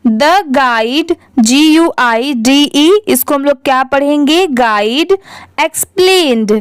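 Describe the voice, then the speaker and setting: A woman's voice: sits high, expressive, slow, dry recording, studio quality. A woman teaching a reading lesson, spelling words out letter by letter and asking and answering her own questions.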